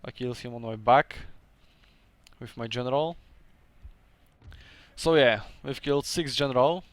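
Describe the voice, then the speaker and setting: Speaking a little slowly in a mid-range voice with no echo, a young Polish-accented man commentates his strategy game match in a relaxed, talkative way. He laughs a lot and his second-language wording comes out hesitant.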